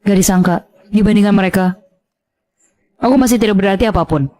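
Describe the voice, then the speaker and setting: A woman's voice: medium pitch, a little fast, dark tone, lightly acted. A young woman narrating as an earnest, determined heroine in a dubbed drama. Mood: resolute. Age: young adult. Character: determined young woman given a second chance.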